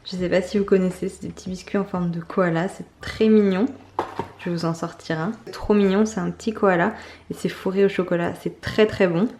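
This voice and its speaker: A woman's voice: lowish voice, fairly even intonation, fairly quick, darkish tone, a little hiss or hum. A young woman narrating a casual food vlog, gushing with enthusiasm about each dish. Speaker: food vlogger.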